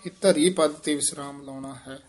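A man teaching how to recite scripture, naming where to pause and stress and showing it. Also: medium pitch, fairly even intonation. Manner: instructive, demonstrating pauses and stresses. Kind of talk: instructional correction.

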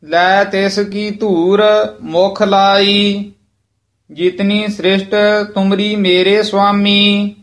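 High, flat-voiced man reciting slowly. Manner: slow, flat, measured recitation. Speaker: student reciter. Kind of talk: chanted scripture recitation.

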